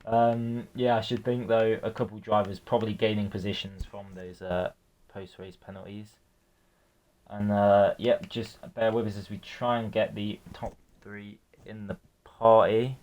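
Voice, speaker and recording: A man's voice: fairly low pitch, flat delivery, darkish tone, muffled recording. A man giving casual post-race analysis, hesitant and full of fillers. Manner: halting, full of ums and restarts. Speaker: co-commentator.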